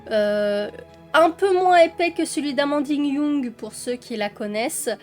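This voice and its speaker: Chatty high-voiced French woman. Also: animated, unhurried, soft background music. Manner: chatty, with frequent fillers and diminutives. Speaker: YouTuber presenting coloring books. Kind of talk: casual flip-through vlog.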